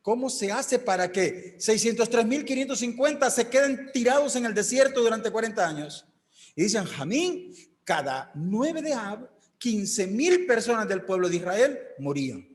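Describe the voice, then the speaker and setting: Male preacher, emphatic sermon delivery, fairly high voice, long hall reverb. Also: sing-song, moderate pace. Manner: emphatic, acts out quoted voices.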